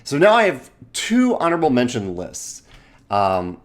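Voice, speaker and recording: A man's voice: medium pitch, wildly swooping pitch. A man in his forties who hosts a board game channel, talking casually and correcting himself as he rambles through lists of titles. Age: 40s. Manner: rambling, self-correcting, listing titles in quick bursts. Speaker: game designer and channel host. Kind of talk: casual video monologue.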